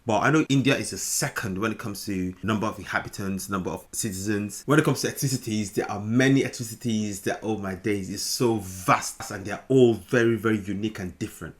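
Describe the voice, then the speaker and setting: A man's voice: lowish voice, brisk, hardly any pauses. A man hosting a casual reaction video, chatty and repeating himself, often addressing his viewers directly. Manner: chatty, repetitive catchphrases, addresses viewers as guys.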